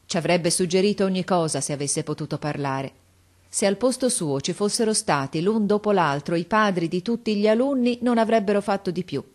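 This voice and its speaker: A woman reading a story aloud as audiobook narrator, expressive, lifting her voice for emphasis and dropping it for quieter passages. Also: medium pitch, brisk.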